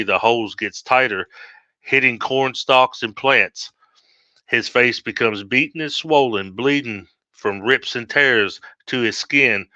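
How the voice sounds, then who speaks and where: A man's voice: mid-range voice, sharp tone, no echo. A man reading his own horror story aloud steadily, with small slips, on a dull lo-fi recording.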